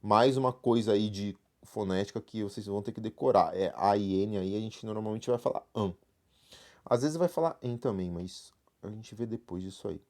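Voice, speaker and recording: A man's voice: lowish voice, moderate pace, a little mellow. A man with a Brazilian accent teaching a beginner French class, walking students through a textbook and checking in with frequent "right?" tags. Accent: Brazilian Portuguese. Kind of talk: online class walkthrough.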